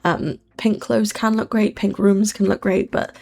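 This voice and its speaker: British woman with whistling S sounds and creak. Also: mid-range voice, fairly even intonation, measured pace, darkish tone. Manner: informal and rambling, often self-correcting. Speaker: host of a gaming build channel. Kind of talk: casual chatty voice-over commentary.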